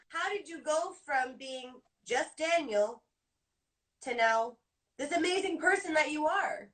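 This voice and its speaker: A woman's voice: high voice, fairly bright tone, distant mic. A woman hosting a casual interview, asking friendly, looping questions. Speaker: host.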